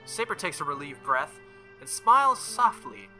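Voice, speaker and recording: A gaming channel host plays through a visual novel, reading its text aloud and adding casual commentary as game music plays behind him. His voice is a little high, bright, forceful and sing-song, at a moderate pace.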